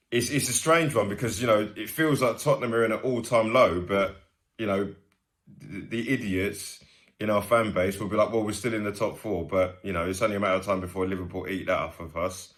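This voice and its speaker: Deep-voiced young fan, rueful. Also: male voice, a bit bright. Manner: rueful, laughing between blunt verdicts. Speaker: football fan channel host. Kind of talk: post-match fan reaction to camera.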